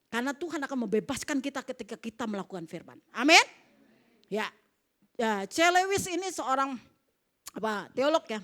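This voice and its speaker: Woman pastor, high voice, animated church sermon with calls for amen. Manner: animated preaching, calls for amens, acts out dialogue. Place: church service.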